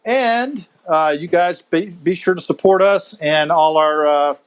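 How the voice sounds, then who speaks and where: A fairly high-pitched man with a clean tone hosts a casual podcast chat over video call, unhurried despite the poor audio. He's chatty and relaxed, laughing often and beginning his sentences again.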